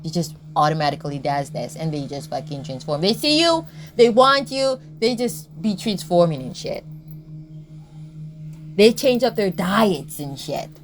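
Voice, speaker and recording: A woman's voice: lowish voice, big pitch swings, a little slow, a little hiss or hum. A woman giving a blunt, emphatic spiritual commentary, swearing freely and often checking in with "Okay?". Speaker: tarot and astrology content creator. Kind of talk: casual spiritual commentary monologue.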